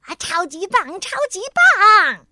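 A cheerful, toothless little frog boy from a children's storybook, a woman voicing him in a raised, bright register. He exclaims loudly and sounds proud of himself. The voice is dry and close. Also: very high-pitched, animated, slow pace, dry recording, voice pushed up, heavily acted. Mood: thrilled.

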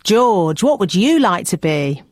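A woman voicing a brisk, cheerful cartoon rabbit lady who paints faces. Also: medium pitch, sing-song, no room sound. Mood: chirpy.

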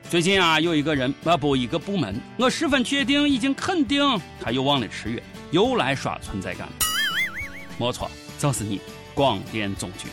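A man's voice: fairly high pitch, huge pitch swings, normal speed, over loud music. A man with a Shaanxi accent giving comic news commentary in a mocking, colloquial, sarcastic way. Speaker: host of a satirical news show.

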